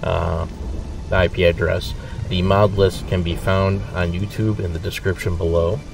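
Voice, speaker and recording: A man giving relaxed, rambling commentary while streaming a game, chuckling often as he talks to viewers. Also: deep voice, normal speed, gravelly, background noise. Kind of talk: casual gameplay commentary. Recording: somewhat distant mic with faint game music. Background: faint game music.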